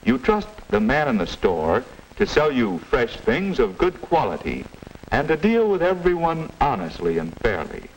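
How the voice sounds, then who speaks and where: An American man playing a patient, moralizing father in a 1950s instructional film, measured and gently questioning. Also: a little high, wildly swooping pitch, gravelly, full character voice. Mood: patient, didactic. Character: patient, moralizing middle-aged father advising his child. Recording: noisy vintage 1950s film soundtrack.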